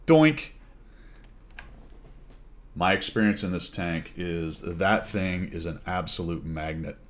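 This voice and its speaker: A man's voice: sits low, slow. A man casually commenting over his own gameplay footage, chatty and wry, breaking into exclamations and laughs at good plays. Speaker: gaming channel host.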